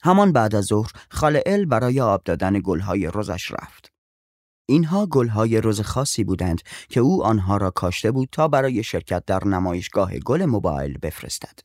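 A man narrating a story in an expressive, storytelling manner. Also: on the low side, no room sound, clean studio sound.

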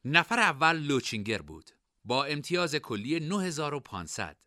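A man narrating a novel as an audiobook, with expressive, varied storytelling. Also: a little high, no room sound, clean studio sound. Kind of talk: scripted narration.

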